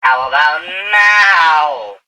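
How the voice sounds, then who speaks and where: A man talking through a high-pass filter that makes him sound like an old-time radio broadcast, casual and joking. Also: animated, extremely slow, crowd noise, poor audio. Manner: casual, joking, fiddling with settings.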